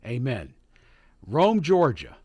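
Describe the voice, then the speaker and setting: A man hosting a live morning radio show, chatting in a halting, folksy way from the studio and calling listeners neighbor. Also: mid-range voice, wildly swooping pitch, warm tone, breathy edge, dry recording. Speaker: radio host. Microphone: studio mic.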